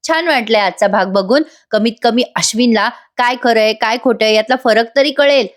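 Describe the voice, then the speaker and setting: A woman's voice: fairly high pitch, moderate pace. A woman narrating a voice-over recap of a TV serial, chatty and speaking straight to her viewers. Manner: chatty, addresses viewers directly.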